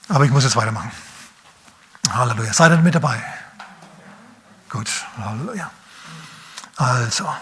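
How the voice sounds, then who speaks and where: A male pastor preaches a sermon emphatically, throwing rhetorical questions at the listener. He swings between urgent, raised phrases and quiet, low asides.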